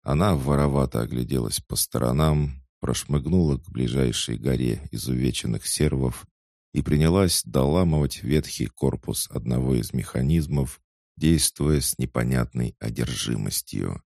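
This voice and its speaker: Very deep, gravelly male narrator. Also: normal speed, darkish tone, no echo, studio quality. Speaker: audiobook narrator. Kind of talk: scripted narration.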